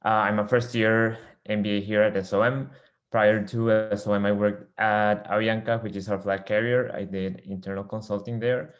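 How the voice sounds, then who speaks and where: A man from Colombia gives a brief, casual introduction. His voice sits slightly low. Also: little pitch movement, moderate pace. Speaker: MBA student panelist. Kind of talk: self-introduction on a video call.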